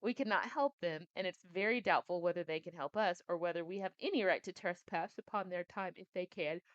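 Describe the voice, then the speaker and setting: Brief: young woman host, low smooth voice, reads a text then riffs casually, dry slightly dull recording. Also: brisk, dry recording. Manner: chatty, animated asides between reading. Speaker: podcast host reading and commenting. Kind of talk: book reading with casual commentary.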